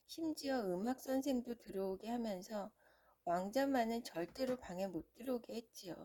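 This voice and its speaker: A woman reads a children's storybook aloud, as if to a young child. Her voice is soft-edged and mellow, at a medium pitch, with noticeable creak. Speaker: storybook reader.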